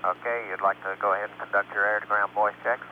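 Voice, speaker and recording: A man's voice: on the low side, flat delivery, fast. A man acting as launch test conductor, making terse procedural calls over a radio loop. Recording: narrow phone-like radio loop, faint noise.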